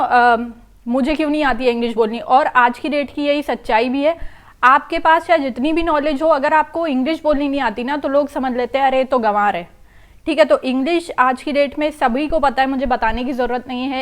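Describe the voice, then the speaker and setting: A young woman from India talks to camera in a casual vlog. Her voice sits high, and her delivery is chatty and explanatory, with English phrases mixed in. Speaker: vlogger giving English-speaking tips.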